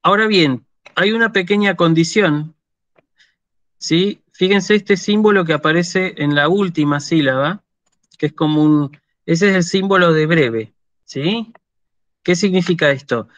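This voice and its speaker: A man's voice: on the high side, a little slow, fairly bright tone, dry recording. A man with an Argentine Spanish accent giving an online university lecture, patiently checking in with his students as he explains. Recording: dull lo-fi dry sound.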